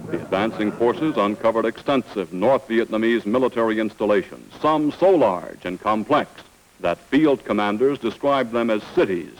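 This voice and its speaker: A man's voice: lowish voice, animated, moderate pace, slight background noise, rough recording. Man narrating an old newsreel.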